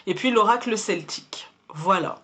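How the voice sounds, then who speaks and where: A woman's voice: medium pitch, moderate pace, background noise. A woman hosting her own channel, giving a casual monthly tarot reading to camera in a chatty way, often repeating words as she searches for the next one. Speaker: tarot reader and channel host.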